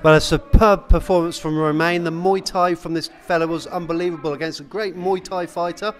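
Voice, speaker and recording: A man's voice: a little high, fairly even intonation, brisk. A man, hosting a post-fight sports interview on a handheld microphone. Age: 30s. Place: indoor event backdrop interview area.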